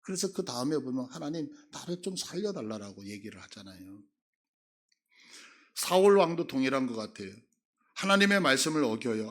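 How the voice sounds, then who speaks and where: A man's voice: medium pitch, a bit bright. A middle-aged man preaching a sermon, acting out Bible figures' words with sudden rises in his voice. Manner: acts out Bible figures' words with a big rise in voice. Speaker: pastor.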